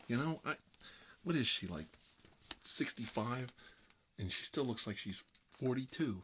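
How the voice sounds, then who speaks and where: This man has a medium-pitched, expressive voice with a sharp tone and a measured pace. In a chatty ASMR role-play, he plays a fussy, petty grown man stuck babysitting who rambles on in a gossipy, petulant way. The recording is clearly noisy, with clicks.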